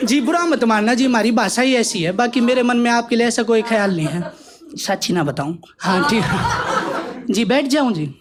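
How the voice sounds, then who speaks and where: A man's voice: very high-pitched, lively intonation, moderate pace. A man playing a blunt, rustic Haryanvi mother who shifts between fake politeness and threats, on a noisy live stage recording. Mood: mock polite.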